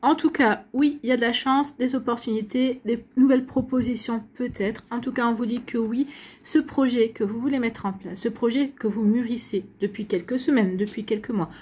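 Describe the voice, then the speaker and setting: A woman's voice: a little high, fairly even intonation, normal speed, darkish tone, breathy edge. A French woman giving a casual, rambling astrology reading to her viewers, full of restarts and reassurance. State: hiccups. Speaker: astrology and tarot reader.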